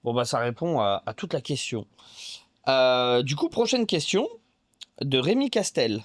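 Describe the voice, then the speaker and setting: A man's voice: mid-range voice, sing-song, unhurried, dry recording. A man hosting a podcast in an easy conversational tone. He keeps chiming in with short agreements and reads out listener questions. The recording is dry and close. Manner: frequent short agreeing interjections. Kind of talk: casual podcast chat.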